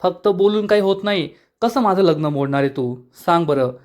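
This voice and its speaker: A man's voice: high-pitched, fairly quick, lightly acted. A man voicing an angry, exasperated young woman. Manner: sharp, exasperated. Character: angry young woman facing a forced wedding.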